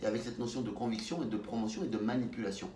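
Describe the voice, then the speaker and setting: A man's voice: fairly low pitch, racing, mellow. A man with a lisp on his s sounds, speaking conversationally as an interview guest and often stumbling over and restarting his words. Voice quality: lisp, slurred s. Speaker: interview guest, sales coach. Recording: roomy echo, distant mic, faint noise.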